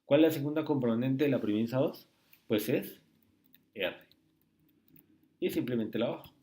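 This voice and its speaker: A man tutoring logic in a screen-recorded lesson, speaking slowly and often checking with "¿sí?" and "¿listo?". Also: mid-range voice, dark tone. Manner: slow, repetitive, asks rhetorical checks.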